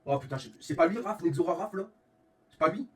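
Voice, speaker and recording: Feverish and furious, this French streamer and league organizer from the north swears nonstop in a fast, animated live-stream rant. His voice sits on the high side and is picked up from a distance, with faint room sound and slight hiss or hum.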